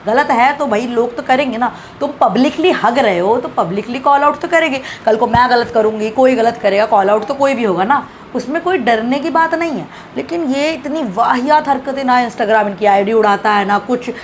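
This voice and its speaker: Angry high-voiced woman ranting. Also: fairly quick, few pauses, slight background noise. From Bihar, India. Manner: heated, swearing, indignant. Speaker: social media creator. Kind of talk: angry reaction rant.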